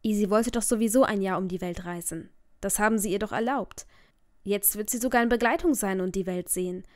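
A woman reading an audiobook, voicing a calm, protective young male rock star in a soothing, reassuring way. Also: mid-range voice, fairly quick, lightly acted.

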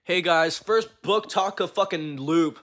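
A man's voice: high-pitched, measured pace. A teenage or young adult man doing casual, goofy, profane comedy skits in slangy talk into a phone. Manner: goofy, profane, slangy, often bursting into yells. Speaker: short-skit video creator. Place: mostly a cluttered home garage. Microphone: phone at arm's length.

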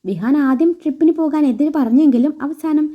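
Woman, storyteller, scripted narration, steady expressive reading, high voice, lo-fi. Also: a little fast.

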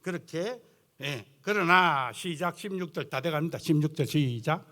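A man's voice: fairly high pitch, normal speed. An older man preaching a sermon in a thick Gyeongsang dialect, earthy and folksy, telling stories from his own ministry. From South Gyeongsang coast, Korea. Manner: earthy, folksy, animated storytelling. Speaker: guest pastor preaching.

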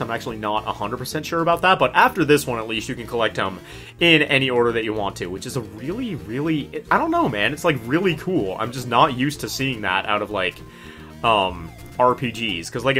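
Young man, casual gaming commentary, lively pitch, rambling, informal, game music behind. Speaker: gaming host.

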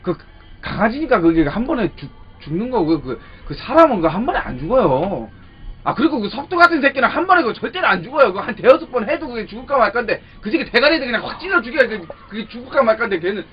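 An actor playing a blunt, indignant young policeman who stammers and repeats his words in a husky voice. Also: very high voice, very animated, fast talker. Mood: heated, insistent. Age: young adult. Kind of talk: naturalistic film dialogue. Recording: dull film audio with faint music.

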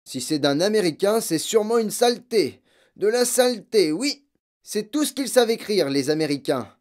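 A man playing a brutish, bad-tempered father who barks and shouts in a storybook reading. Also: sits high, big pitch swings, moderate pace, voice pushed up. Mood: furious. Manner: shouting, barking.

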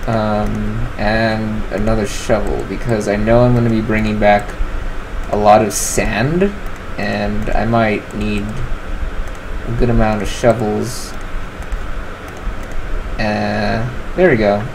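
Here a fairly low male voice, slow and full of vocal fry and frequent pauses, talks over his game with background noise audible. He's a gaming channel host in his twenties, rambling in a relaxed, filler-heavy way as he works out what to craft.

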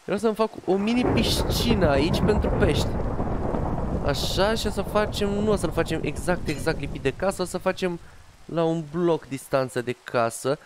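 A man's voice: sits high, heavy background noise. Chatty man narrating his gameplay. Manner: chatty, talks to himself and his pet dog as he plays. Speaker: gaming youtuber. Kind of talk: casual Minecraft let's play commentary.

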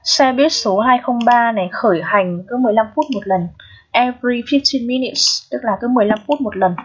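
A woman's voice: on the high side, brisk, breathy edge. A woman teacher explaining English grammar step by step, checking in with her students often. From Vietnam. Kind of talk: recorded grammar lesson. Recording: dull, lo-fi sound.

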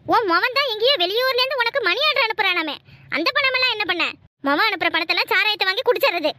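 A woman's voice: very high voice, lively intonation, fast, pushed and bright, no echo, clean studio sound, exaggerated voice. A woman voicing a cruel, stingy landlady who scolds with scorn in a cartoon. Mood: scornful. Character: cruel, stingy rich landlady, sharp-tongued.

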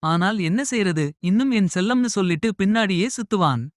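A caring middle-aged mother with a gentle but firm, soothing way of talking, as a male narrator puts her on. Her voice sits a little higher than the reader's own, and the recording is dry and close. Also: a little fast, no room sound, natural voice. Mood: tender. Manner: soft scolding, tender and reassuring.

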